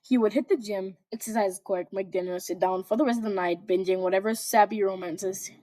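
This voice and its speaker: A woman's voice: medium pitch, fairly even intonation, brisk, dark tone. A young woman casually reading fan fiction aloud, breaking off for chatty, giggly asides. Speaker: fanfic reader.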